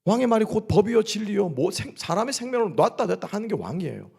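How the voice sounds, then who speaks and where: A man preaching to his congregation at a midweek service, his voice sitting a little high and swinging widely up and down. He keeps throwing questions at the listeners and answering them himself. A gravelly edge runs through his speech. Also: sing-song, quick pace, darkish tone. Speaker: pastor. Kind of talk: sermon at a midweek church service. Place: church sanctuary.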